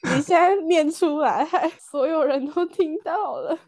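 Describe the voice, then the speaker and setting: A woman's voice: high voice, measured pace, a little mellow. A young woman with a Taiwanese accent, chatting casually as a podcast co-host. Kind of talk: casual chat.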